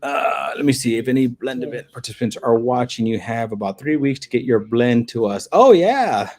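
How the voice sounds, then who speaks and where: A man with a medium-pitched, lively voice, slightly mellow and at a moderate pace, hosts a casual livestream from indoors in a hotel room. He rambles and repeats words while reading viewer comments aloud and answering them.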